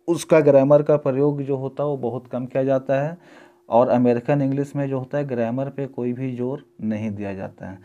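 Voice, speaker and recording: A male English teacher giving a lesson, explaining step by step and repeating example words slowly. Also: mid-range voice, mellow. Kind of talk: classroom-style lesson.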